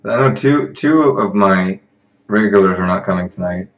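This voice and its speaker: A young man with a fairly low voice leads a live-streamed study session. He talks in a loose, casual way and pokes fun at himself. He sounds like a teaching assistant talking to students. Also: lively intonation, normal speed, dull audio. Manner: casual, self-deprecating, livens up when addressing viewers.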